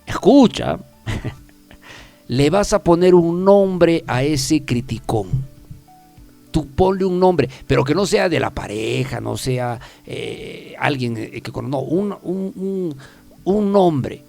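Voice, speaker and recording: A man's voice: a little high, animated, slow, creaky, darkish tone, soft background music. A man hosting a self-help talk program, speaking emphatically and repeating key phrases for the listener. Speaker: self-help radio host. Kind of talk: motivational talk show monologue.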